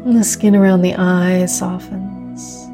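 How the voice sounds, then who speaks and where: A woman leading a guided meditation like a sleep story narrator, speaking gently and slowly with long pauses. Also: medium pitch, little pitch movement, creaky. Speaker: meditation teacher leading a group practice. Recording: new-age music under the voice. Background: soft new-age music.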